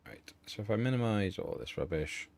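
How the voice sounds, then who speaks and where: Middle-aged streamer, low but bouncy delivery, chatty and rambling, quick to laugh. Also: male voice, expressive, gravelly, darkish tone. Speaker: livestream host. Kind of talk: casual livestream chat.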